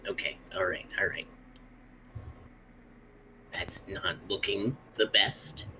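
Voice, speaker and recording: Man playing a low, halting, battered adventurer. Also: flat delivery, bright, forceful tone, exaggerated voice, poor audio. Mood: shaken, downplaying. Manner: halting, understated. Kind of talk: tabletop role-play in character. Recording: faint background noise.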